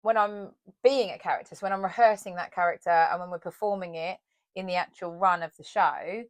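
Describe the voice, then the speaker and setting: A woman who acts and works as a counsellor, co-hosting a casual chat in a thoughtful, measured way. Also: on the low side, no echo. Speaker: podcast co-host, actor and counsellor.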